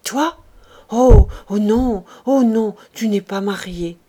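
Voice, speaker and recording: A woman reading aloud, voicing a young pregnant wife in labor who is ashamed and pleading, her voice pitched higher and louder. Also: slow.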